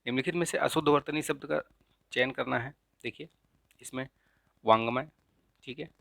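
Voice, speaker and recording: A man teaching an exam-prep lesson in a casual, explanatory way, often checking in with "ठीक है?" and slowly repeating correct spellings. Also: mid-range voice, vocal fry, pushed and bright, no echo. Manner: frequent checks of "ठीक है?" and filler "अ"; repeats the right spellings slowly to stress them. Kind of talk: casual explanatory lesson, walking through a paper.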